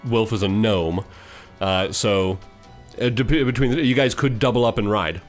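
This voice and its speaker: A man narrating a tabletop game in a fairly low voice, calm and matter-of-fact. He pauses often between thoughts. Faint music plays underneath. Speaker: game master.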